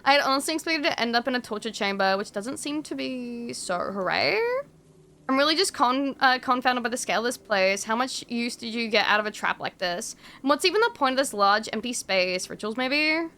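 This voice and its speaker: A young woman streaming a game, reading the visual novel text aloud with animated, expressive delivery and frequent swearing. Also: fairly high pitch, fairly quick.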